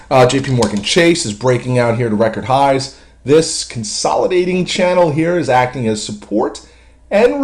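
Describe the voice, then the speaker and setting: Male market commentator walking through charts; confident, quick, chatty delivery. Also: mid-range voice, darkish tone. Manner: confident, quick, with frequent uh fillers. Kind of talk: screen-share chart walkthrough.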